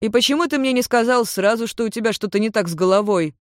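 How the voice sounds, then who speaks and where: A reader voicing a hot-tempered red-haired young man who shouts accusations. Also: medium pitch, fast, no room sound, clean studio sound, voice pushed up, close to an everyday voice. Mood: furious. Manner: angry, accusing.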